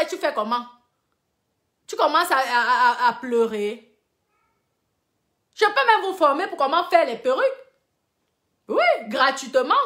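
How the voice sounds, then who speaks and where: High-pitched middle-aged lady ranting to her viewers, preachy, says things twice. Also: a bit bright. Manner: emphatic, lecturing, repeats words for stress. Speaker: online commentator. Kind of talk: casual commentary to viewers.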